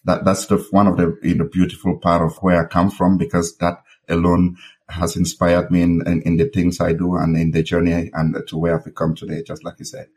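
Fairly quick and completely flat in delivery, this low, darkish voice belongs to a Cameroonian nurse and public health expert in his forties. He earnestly recounts his story in a conversational podcast interview, with fillers and restarts along the way.

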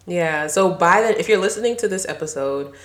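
A young woman co-hosting a podcast in casual, relaxed chat, laughing often. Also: lowish voice, a little fast, reverberant. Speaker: podcast co-host.

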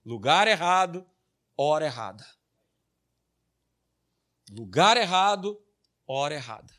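A man's voice: fairly high pitch, big pitch swings, takes it slowly, sharp tone. A man with a Brazilian Portuguese accent preaching a sermon, stressing his points by repeating key phrases and checking in with tag questions.

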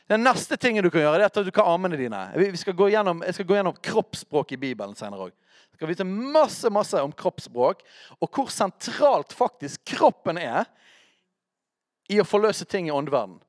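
High, lively-voiced preacher man. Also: no room sound, studio quality. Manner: talks straight to listeners, checks in with quick questions. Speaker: preacher teaching on worship. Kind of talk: conversational teaching sermon.

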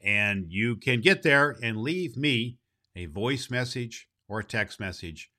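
Male performer as grandfatherly Christmas gift-bringer, jolly and hearty; forceful bright voice, swooping intonation, deliberate storyteller phrasing for kids. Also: medium pitch, animated. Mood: cheerful, explaining. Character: jolly old Santa Claus, grandfatherly and hearty. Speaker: host of a children's Christmas story show. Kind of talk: hearty in-character greeting and storytelling for children.

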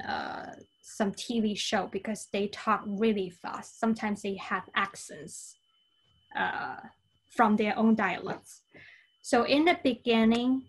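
Her pitch on the high side, this woman from China talks as a guest on a podcast, with Cantonese as her native tongue and a Chinese accent. She explains things conversationally but haltingly.

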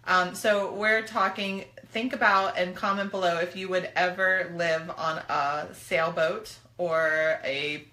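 A woman in her thirties chats casually on a live stream, talkative and easily amused. Her voice sits a little low but sounds bright. The room around her is echoey. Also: steady tone. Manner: chatty, quick to laugh. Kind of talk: casual chat.

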